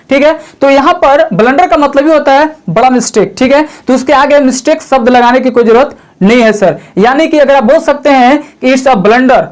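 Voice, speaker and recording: A very high-pitched man teaches English grammar aloud, posing questions to himself and then answering them. He repeats each point and chats to the viewer, calling them "sir."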